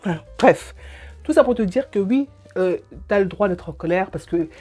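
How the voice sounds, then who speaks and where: A middle-aged woman, a divorce coach telling her own story and advising the listener in a colloquial, expressive way. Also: mid-range voice, moderate pace, husky, faint music behind. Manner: expressive, colloquial, acts out scenes. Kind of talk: personal story and advice to viewer.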